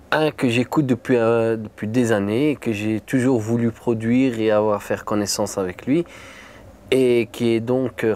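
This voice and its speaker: A man's voice: mid-range voice, a little mellow, a little hiss or hum. A man who runs a production company, talking casually about an artist he produces. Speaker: music producer. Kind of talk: interview answers.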